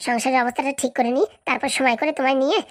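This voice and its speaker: In a Bangla comedy cartoon, a woman voices a young student boyfriend who is evasive and reassuring, chattily brushing off objections. Her delivery is lightly acted, high-pitched, steady and racing, with a brisk, exasperated mood.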